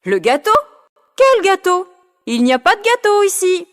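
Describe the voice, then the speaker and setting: A woman's voice: very high-pitched, very animated, normal speed, pitched above the performer's own voice. A woman voicing a teasing teenage girl who runs a school party, in a storybook reading.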